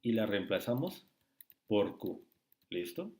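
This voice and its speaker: A man tutoring logic in a screen-recorded lesson, speaking slowly and often checking with "¿sí?" and "¿listo?". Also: on the low side, sing-song, a little mellow. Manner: slow, repetitive, asks rhetorical checks.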